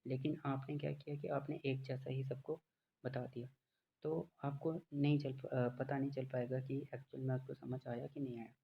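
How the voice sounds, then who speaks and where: Man lecturing slowly with a gravelly voice. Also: mid-range voice, level tone. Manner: explains slowly with many fillers, reads English lines very slowly. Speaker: teacher. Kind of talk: classroom lecture. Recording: dull lo-fi with faint background noise.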